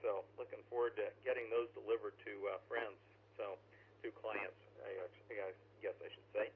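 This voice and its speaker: A man's voice: fairly low pitch, fairly even intonation, normal speed. A man with a chatty, folksy manner hosts a casual amateur radio net like a pirate radio broadcast, heard over a two-way radio. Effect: two-way radio transmission. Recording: tinny narrowband radio transmission, faint hum.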